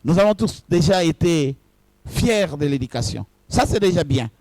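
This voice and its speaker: A man's voice: fairly high pitch, expressive, normal speed, a little mellow, dry recording. A man, a pastor, preaching a sermon in short phrases and addressing his congregation directly.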